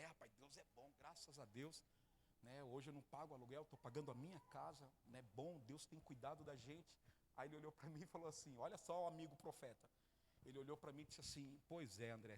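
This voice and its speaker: A young Brazilian man preaching a testimony sermon, telling his story and acting out the dialogue, going from soft to loud. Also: a little high, slight background noise. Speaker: evangelist preacher.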